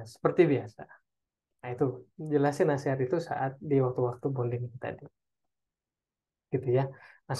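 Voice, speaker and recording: A man's voice: mid-range voice, mellow, highs cut off. A man giving a parenting webinar and answering audience questions. He talks in a loose, conversational way and keeps checking in with his listeners. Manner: conversational, tags phrases with "ya" and "oke". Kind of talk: online webinar Q&A talk.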